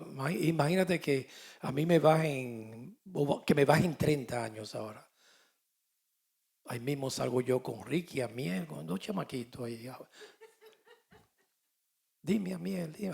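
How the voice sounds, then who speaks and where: A man, preaching a sermon as pastor, swinging from quiet asides to loud emphatic declarations. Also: medium pitch, a little slow, vocal fry.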